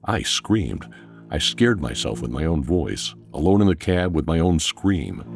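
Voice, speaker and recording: A man tells a first-person horror story with measured, tense pacing. His voice sits extremely low and has a gravelly fry to it. Faint music plays underneath.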